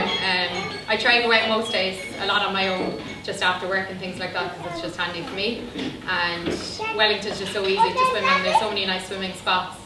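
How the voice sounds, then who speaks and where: A young woman with a Cork Irish accent talks in a rambling, chatty way, with plenty of ums between her thoughts. She is recorded in a busy function room, heard from some distance off the mic. The room is echoey, and a steady noise sits underneath her. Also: medium pitch. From Ireland (Cork). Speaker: interview guest. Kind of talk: casual chat.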